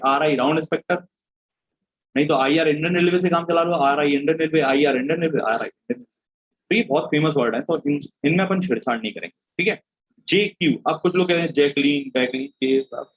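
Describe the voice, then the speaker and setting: A man's voice: fairly high pitch, breathy edge, low-quality recording. A young adult man teaching a reasoning class, playfully repeating letter pairs and memory words. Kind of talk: classroom lesson.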